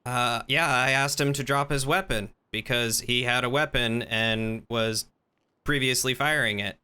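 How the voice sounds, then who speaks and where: A man's voice: mid-range voice, steady tone, a little slow, bright, forceful tone, clean tone. A man playing a chill, slightly dim surfer-dude police trooper with a laid-back drawl in an improvised game role-play. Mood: unbothered, explaining.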